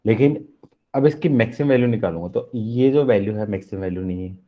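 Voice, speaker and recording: A man's voice: fairly low pitch, quick pace, phone-quality sound. A man teaching a live online maths lecture in a Hindi-mix, explaining step by step and constantly asking the class questions.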